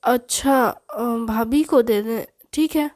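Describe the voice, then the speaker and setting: A woman's voice: fairly high pitch, slow, darkish tone. A woman voicing a cheerful young sister-in-law who chats eagerly. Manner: eager, chatty.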